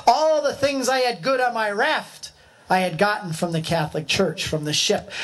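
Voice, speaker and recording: Animated older man telling a story. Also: high-pitched. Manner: animated, acts out voices. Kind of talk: storytelling talk.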